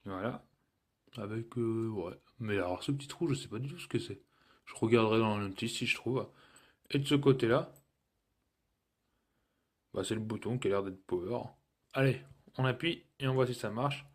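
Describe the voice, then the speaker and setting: A man's voice: lowish voice, normal speed, long pauses. A man talking casually through an unboxing review of a cheap gadget, joking and filling gaps with hesitations. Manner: chatty and joking, with many fillers. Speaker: tech reviewer.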